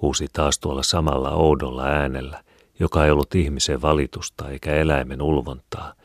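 A man reading a classic novel aloud in a measured, even storytelling manner. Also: very deep voice, no room sound, clean studio sound. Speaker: audiobook reader. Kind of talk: scripted narration.

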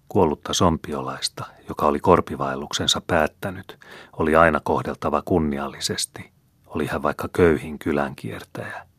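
A man reading folk tales aloud as an audiobook narrator, in a measured storytelling manner. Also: very deep voice, fairly bright tone, slightly rough, no echo. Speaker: audiobook reader.

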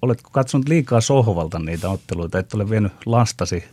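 A man's voice: lowish voice, expressive, mellow, breathy edge. A man hosting an interview, asking long probing questions with hesitant restarts. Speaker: host.

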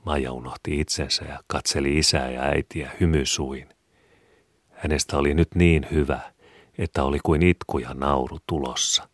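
A man reading a story aloud in a calm, measured way. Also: rumbling low, no echo, studio quality. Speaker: story reader. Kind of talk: storybook narration.

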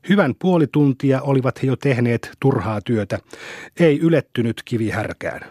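A man reading a classic novel aloud as an audiobook narrator, telling the story calmly and evenly. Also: mid-range voice, slightly rough, no echo, studio quality. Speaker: audiobook reader.

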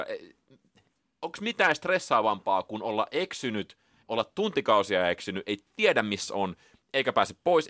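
Animated man analysing a dream on a panel. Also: mid-range voice, dry recording, clean studio sound. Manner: animated, acts out the dream scenes while analysing. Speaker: cultural critic on a dream panel. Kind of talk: casual analytic panel talk.

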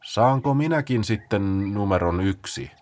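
A man voicing lazy, sleepy sloths for a children's storybook, drawling very slowly with yawning hesitations. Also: fairly low pitch, lively intonation, a little mellow, lightly acted.

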